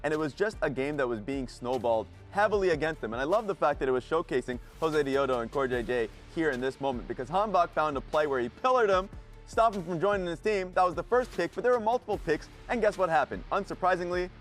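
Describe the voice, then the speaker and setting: A man breaking down match footage as an esports analyst, animated and full of fillers. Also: fairly high pitch, fast, faint music behind. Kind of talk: analyst desk commentary.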